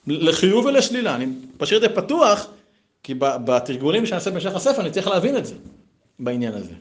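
A man in his thirties gives a Torah lesson with a voice pitched a little above most men's. He talks conversationally and animatedly, breaking into lively personal asides between passages of the text. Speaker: yeshiva teacher.

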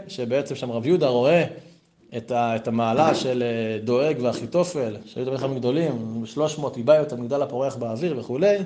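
A middle-aged man, a rabbi, giving a Torah lesson full of stories and rhetorical questions. His voice jumps high on the points he stresses. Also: a little mellow. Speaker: rabbi teaching a Torah class.

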